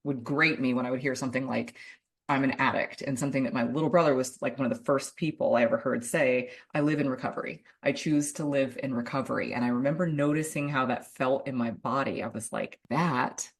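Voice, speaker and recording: A woman's voice: extremely low pitch, a little fast. A woman hosting a podcast, chatting effusively and casually, filling her talk with "like". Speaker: podcast host. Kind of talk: casual interview chat.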